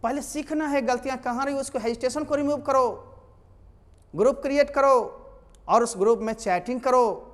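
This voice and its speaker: A man teaching a spoken English lesson online, energetic and emphatic as he drills pronunciation out loud. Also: very high voice, normal speed, long reverb tail.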